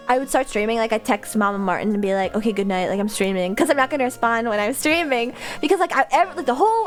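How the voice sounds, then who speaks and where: A young woman VTuber chatting casually with her livestream viewers in a cute, playful, animated anime-streamer manner, talking nonstop. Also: high-pitched. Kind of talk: casual livestream chat, reading and answering viewers' messages. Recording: music playing behind the voice. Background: music.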